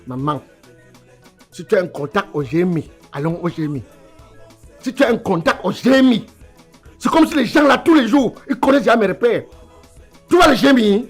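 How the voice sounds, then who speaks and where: A man's voice: high voice, animated, a little fast, long pauses, husky, faint music behind. A man playing an evasive Cameroonian taxi driver. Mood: wheedling. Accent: Cameroonian French. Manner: pleading, stalling with excuses. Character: sly, evasive young male taxi driver. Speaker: comedy sketch actor. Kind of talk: sketch comedy acting.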